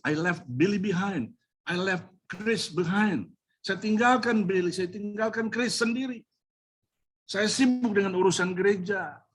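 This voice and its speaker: A man preaching from the pulpit, telling his own story with deep feeling and calling out to the congregation. His voice sits fairly high, and he slips English words into his sermon. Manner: emotional storytelling, addresses the congregation directly. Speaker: pastor. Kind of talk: sermon with personal testimony.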